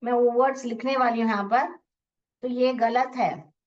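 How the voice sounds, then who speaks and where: A woman's voice: on the high side, fairly even intonation, normal speed, a little mellow, muffled recording. A woman teaching an online phonics lesson, sounding out words syllable by syllable and patiently asking her class questions. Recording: voice a little distant from the mic.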